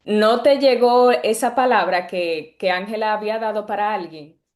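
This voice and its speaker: A woman host with a mid-range voice asks her guest a question in a gentle, measured way. Between questions she offers short supportive interjections. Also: mid-range voice.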